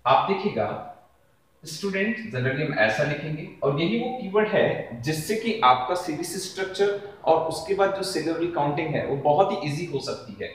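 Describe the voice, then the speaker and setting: A man's voice: on the high side, lively intonation. Echoey man teaching a lesson. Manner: slow, drawn-out word pronunciation drills. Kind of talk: classroom-style lesson explanation. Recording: echoey room.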